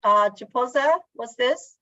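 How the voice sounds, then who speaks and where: Halting woman hosting a video call. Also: on the high side, bright, forceful tone, no room sound. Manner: halting, with frequent fillers. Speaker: meeting host. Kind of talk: casual online meeting talk. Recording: dull lo-fi call audio.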